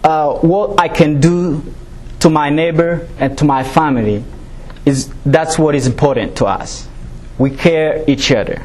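A nervous man gives a personal testimony to his class. He speaks slowly and haltingly, with many ums and restarts. A faint hum of room ambience sits behind his voice. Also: fairly high pitch, a little mellow. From Rwanda. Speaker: student speaker.

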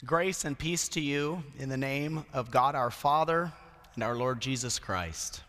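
A man preaching a solemn sermon with a hoarse, strained voice and deliberate, emphatic pauses. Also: medium pitch, sharp tone. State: hoarse, voice nearly lost. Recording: long echoing hall reverb.

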